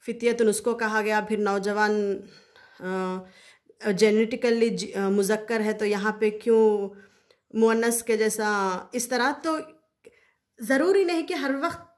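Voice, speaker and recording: A woman's voice: mid-range voice, fairly even intonation, slow, a little mellow. Woman teaching, repeating key terms. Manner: repeats key terms, asks listeners to remember. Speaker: teacher of Quranic Arabic grammar. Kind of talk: casual explanatory lesson.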